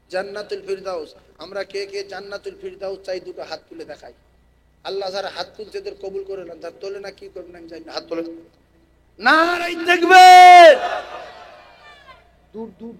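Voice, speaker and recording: Through a PA microphone, a high-voiced man delivers a sermon at an outdoor religious event with loudspeakers. He goes from soft, conversational explaining to loud, stretched-out chanting and call-and-response that rallies the crowd; the audio is poor, with slight background noise.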